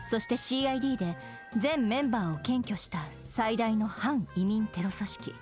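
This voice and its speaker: Woman voicing a crisp swordswoman, game. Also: on the high side, fast talker, darkish tone, soft background music, lightly acted. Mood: composed. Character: poised young female swordswoman, A-rank bracer. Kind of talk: Japanese game voice acting.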